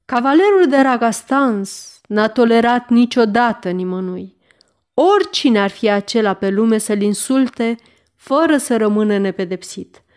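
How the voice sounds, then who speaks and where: A composed noblewoman with quiet steel in her voice, speaking formally and courteously while holding her ground. A woman voices her in an audiobook reading. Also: on the high side, clear, resonant tone, lightly acted. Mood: firm. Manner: calm, firm, formally polite. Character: calm, dignified noblewoman defying a king.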